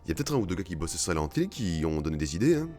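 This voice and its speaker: A man's voice: deep voice, very animated, racing, a little mellow, faint music behind. A man playing through a horror game, chatting casually and cracking jokes with the odd swear word. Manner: joking, swearing asides. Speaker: let's play gamer. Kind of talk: casual gameplay commentary.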